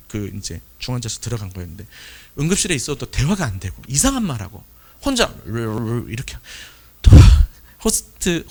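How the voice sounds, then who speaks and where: A man preaches to his church in a mid-pitched voice that swings widely as he tells a personal story. He slips into quick acted quotes now and then. His delivery stays conversational and animated. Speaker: pastor. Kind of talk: sermon testimony.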